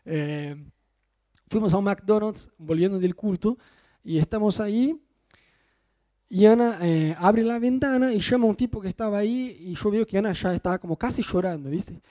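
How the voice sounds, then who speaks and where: Animated Rioplatense pastor, high mellow voice. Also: male voice, moderate pace. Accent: Rioplatense Spanish. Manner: animated, jokey, asks the congregation if they follow. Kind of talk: sermon with personal anecdotes.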